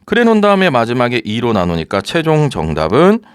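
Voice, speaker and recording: A man teaching a recorded high-school math lecture, talking students through each step and often checking with rhetorical questions. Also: brisk, smooth, dry recording, studio quality. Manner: lively, coaxing, asks rhetorical questions.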